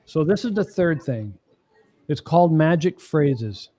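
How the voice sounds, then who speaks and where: A man's voice: on the high side, expressive, measured pace, mellow. A middle-aged man, a marriage coach guesting on a podcast interview, explaining things step by step in an earnest, emphatic way. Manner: emphatic, often asks the listener "okay?".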